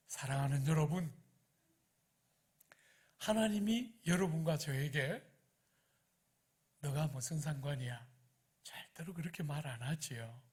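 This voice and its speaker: A husky-voiced man preaching a sermon in church, his voice pitched somewhat high. He speaks with animated swings and keeps turning to the congregation with direct questions. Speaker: pastor.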